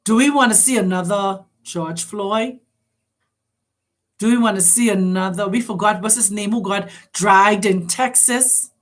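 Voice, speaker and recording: A host with a mid-range female voice speaks unhurriedly. She delivers a passionate spiritual address, packed with rhetorical questions and urgent appeals to her audience.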